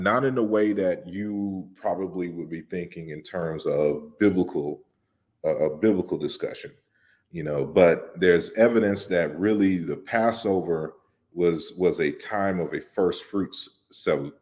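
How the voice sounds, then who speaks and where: Man, extremely deep voice, livestream host, casual Q&A, relaxed lecturing explanations, lots of fillers. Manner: relaxed and conversational, with frequent fillers and restarts; explains at length in a measured, lecturing way. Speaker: host of an open discussion livestream. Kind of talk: casual livestream Q&A, reading viewer comments.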